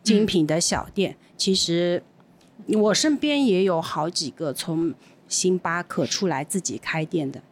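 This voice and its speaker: A woman in a casual podcast chat, telling lively anecdotes and acting out bits of dialogue. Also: fairly low pitch, measured pace. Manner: animated storyteller, acts out dialogue. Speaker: podcast host.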